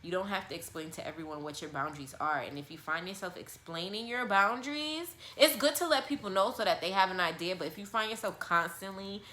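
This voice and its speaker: A woman's voice: mid-range voice, a little fast, few pauses, bright, forceful tone. A young adult woman talking candidly and bluntly in a personal vlog monologue, repeating herself for emphasis and swearing casually. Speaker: vlogger. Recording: echoey room.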